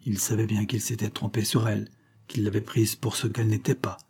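Guy reading a novel aloud, husky, calm even telling. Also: fairly low pitch, fairly quick. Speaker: narrator.

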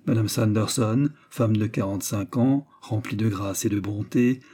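A man narrating a classic story in a steady, measured reading. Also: on the low side, slightly rough. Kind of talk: audiobook narration.

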